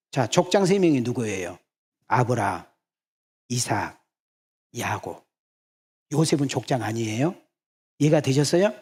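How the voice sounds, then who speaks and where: Male pastor, husky voice, lively pitch, church sermon with stories. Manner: animated, calls out to the congregation and acts out quoted lines. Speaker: senior pastor. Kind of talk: sermon with storytelling. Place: church sanctuary.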